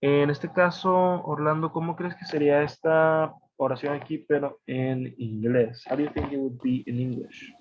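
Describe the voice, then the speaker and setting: A man's voice: a little high, fairly even intonation, moderate pace, hardly any pauses, no room sound. Patient male English teacher, dull sound. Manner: patient, explains step by step with frequent self-corrections. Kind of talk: online class explanation.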